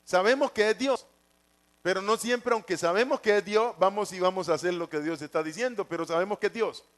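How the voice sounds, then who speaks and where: A man's voice: high-pitched, fairly quick, a bit bright. A man preaching a sermon, repeating his points and putting questions to the congregation. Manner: repetitive, asks the congregation questions.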